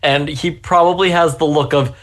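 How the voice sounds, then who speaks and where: A man playing a tabletop game who describes his character in an easygoing, halting way. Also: a little high, fairly even intonation, a bit bright, a little hiss or hum. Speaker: player. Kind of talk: casual play narration.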